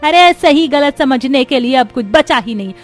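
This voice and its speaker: A woman voicing an angry older mother-in-law in a cartoon story, sharp-tongued and scolding. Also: sits high, animated, normal speed, voice pushed up.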